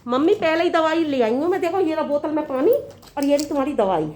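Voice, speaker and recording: A woman's voice: high voice, lively intonation, brisk, darkish tone. A woman playing a patient young daughter-in-law who reasons at length in an earnest, lecturing way, in a comedy sketch. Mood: explaining.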